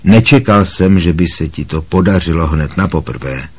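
A man voicing a pale, patient male wizard teacher in a storybook reading, gentle and calm, with a husky voice. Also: low voice. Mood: reassuring.

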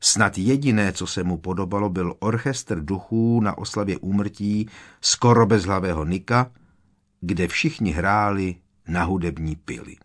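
A man narrating an audiobook in a steady, expressive reading voice. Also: sits low. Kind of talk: scripted narration.

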